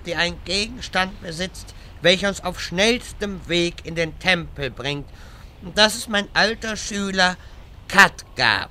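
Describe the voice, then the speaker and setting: Fantasy comedy wizard: male actor, long-winded and self-important, piercingly bright, slow delivery, faint noise. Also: sits high, heavily acted. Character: rambling pompous male wizard obsessed with portals. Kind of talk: scripted fantasy comedy dub.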